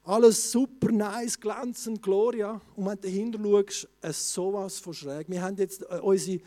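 A man preaching a sermon in a colloquial way, often restarting his sentences and rising to loud exclamations. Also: high voice, fairly even intonation, moderate pace.

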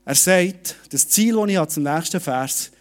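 A middle-aged man preaching a sermon in a lively, direct way, speaking to each listener personally. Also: on the high side, a little slow. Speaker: pastor.

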